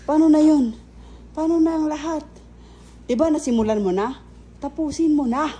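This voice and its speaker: A woman's voice: high voice, moderate pace, dark tone. A woman vlogger who laughs often and keeps teasing and cheering on her friend during a drinking challenge. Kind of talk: casual teasing chat. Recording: noisy background.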